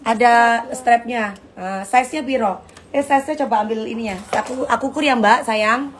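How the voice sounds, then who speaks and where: A woman's voice: a little high, moderate pace, slight background noise. A middle-aged woman hosting a casual live stream, brash and trash-talking, calling her viewers darling. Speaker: live-stream host selling bags.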